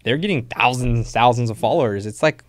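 A man co-hosting a podcast as a real estate agent, chatty and quick to laugh. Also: medium pitch, no echo. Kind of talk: casual podcast chat.

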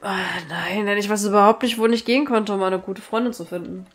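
A woman's voice: mid-range voice, fairly quick, faint music behind, lightly acted. A woman voicing a lonely young townsman in a role-playing game, speaking glumly and plaintively. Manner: glum, plaintive.

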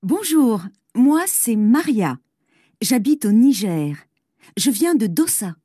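A woman playing a cheerful young speaker in a scripted language-course dialogue, clearly articulated. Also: a little high, no room sound, clean studio sound, heavily acted. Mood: friendly. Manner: slow, lively, clearly articulated.

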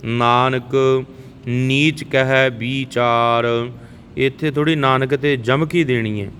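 A man teaching scripture pronunciation, reciting verses in a measured way and correcting words in quick asides. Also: fairly even intonation, a bit bright. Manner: slow measured recitation, brisk spoken corrections. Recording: reverberant hall, faint rumble.

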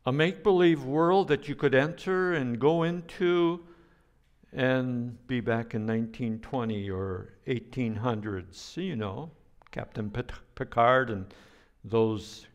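An older man preaches a sermon as a pastor in a slow, deliberate way, now and then adding playful sound effects. His voice is medium in pitch.

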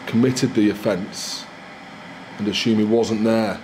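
A man in his forties, a rugby head coach answering post-match questions at a press conference in a candid, measured, upbeat way. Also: lowish voice, steady tone, background noise. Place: small indoor press room in front of a sponsor backdrop.

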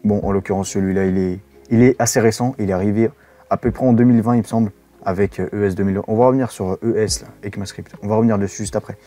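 A man's voice: on the low side, fairly even intonation, racing, mellow, soft background music. A man giving a casual coding tutorial, rambling with many fillers and self-corrections. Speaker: web development instructor.

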